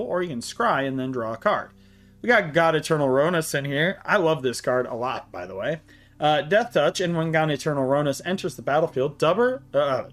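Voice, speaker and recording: Breathless man reading card text. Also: on the high side. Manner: reads card text aloud, halting with frequent fillers. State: short of breath. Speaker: card game channel host. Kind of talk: deck tech walkthrough.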